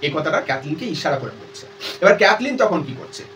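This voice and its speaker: A man with a Bengali accent teaches a class. He has a high, light voice and reads lines of a play aloud before explaining them. He sits a little back from the mic, with faint noise behind him. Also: big pitch swings, quick pace, recorded from a distance. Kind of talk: lecture explaining an English play.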